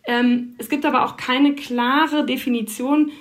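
A woman correspondent answers interview questions in detail. Her voice sits somewhat high, and she talks her way through explanations thoughtfully, with plenty of filler sounds between points. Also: steady tone, measured pace. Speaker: foreign correspondent.

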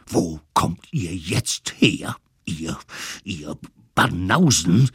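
A male narrator plays indignant stone-age parents telling off their children. The voice swings up in loud reproach, then drops low to lecture. It comes through close and dry, like a children's radio story. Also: very animated, slow pace, slightly rough, no room sound, heavily acted. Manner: scolding, indignant.

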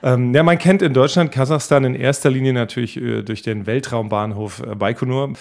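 A German-speaking man hosting a casual interview, asking relaxed follow-up questions. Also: mid-range voice, a little fast, gravelly. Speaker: podcast host.

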